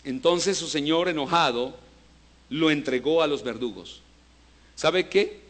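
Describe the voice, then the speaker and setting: A male pastor preaching a sermon, asking the congregation to repeat after him and swinging between loud emphasis and low, hushed lines. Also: normal speed. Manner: preaching with call-and-response to the congregation.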